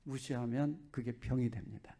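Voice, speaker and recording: A man's voice: mid-range voice, fairly even intonation, normal speed, creaky, warm tone. A male pastor giving a Sunday sermon in a chatty, joking way, often asking the congregation rhetorical questions.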